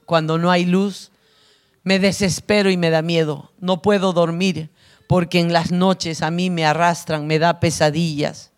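Woman acting out a tearful hulking gang boss, pleading, frightened, unhurried. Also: lowish voice, fairly even intonation, close to an everyday voice. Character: huge tearful male prison gang boss.

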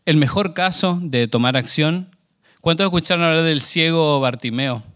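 A man's voice: on the high side, moderate pace, fairly bright tone. Conversational preacher man. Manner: conversational, asks the congregation questions. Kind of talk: sermon.

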